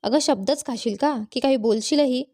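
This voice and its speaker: Storybook figure: a woman reading a harsh, accusing mother-in-law, fairly high, mellow, dry. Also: normal speed, dry recording, close to an everyday voice. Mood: scolding. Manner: sharp, accusing scolding. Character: scolding middle-aged mother-in-law, harsh and suspicious.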